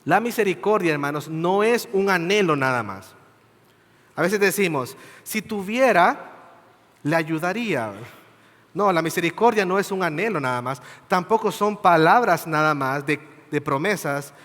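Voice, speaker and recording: A man's voice: a little high, animated, moderate pace, a bit bright. A man preaching a sermon, earnestly asking his congregation direct questions and checking in with short tag questions. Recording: reverberant church hall.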